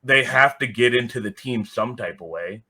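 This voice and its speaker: This man, a soccer supporters group organizer, talks candidly and casually as a guest on a podcast. His voice is medium-pitched with a sharp tone at a moderate pace, and he speaks bluntly, dropping the odd swear word and saying "like" a lot.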